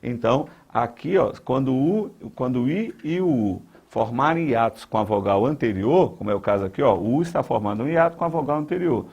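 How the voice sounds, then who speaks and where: A man's voice: medium pitch, animated, a little fast, hardly any pauses, darkish tone, slightly rough, muffled recording. A man with a Brazilian Portuguese accent teaching grammar for an exam, repeating key points with emphasis and talking straight to the viewer. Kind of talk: exam-prep lesson.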